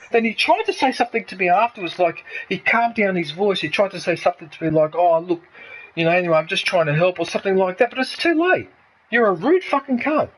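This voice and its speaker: A man's voice: sits high, a bit bright, breathy edge, rough recording. A man in his fifties from Australia, ranting angrily and swearing heavily in a casual chat. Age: 50s. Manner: heated, swearing, repetitive ranting. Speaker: streamer.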